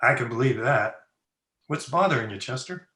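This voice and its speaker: An actor playing a crusty, teasing frontier town doctor in an old-time Western radio play, with dry, folksy banter. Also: male voice, mid-range voice, expressive, normal speed, pushed and bright. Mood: wry, teasing. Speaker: actor in an amateur radio drama. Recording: roomy, echoey video-call recording.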